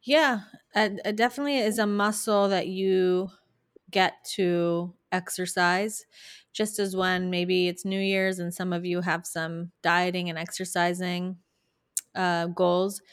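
A woman's voice: lowish voice, unhurried, smooth, no room sound. Woman coach speaking in a dry, close voice. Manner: animated, practical advice with frequent restarts. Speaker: business coach guest. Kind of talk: podcast interview chat.

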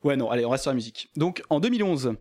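A man's voice: mid-range voice, animated, racing, darkish tone. A man co-hosting a casual podcast chat, talking in a dry, sarcastic way. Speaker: podcast co-host.

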